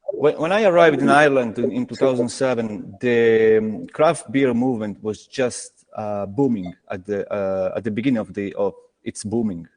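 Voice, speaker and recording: This man has a lowish, slightly mellow voice and comes from Italy. He's a craft brewer guesting on a relaxed video call, chatting about beer in English while stumbling through lots of ums and fresh starts, all with noticeable echo.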